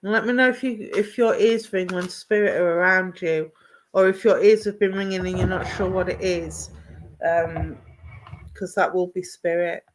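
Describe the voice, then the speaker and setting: Giving live readings online, a psychic medium affectionately welcomes viewers by name, calls them "my darling," and checks whether things make sense. Her fairly low voice moves at a normal pace. The low-quality recording carries a little hiss or hum.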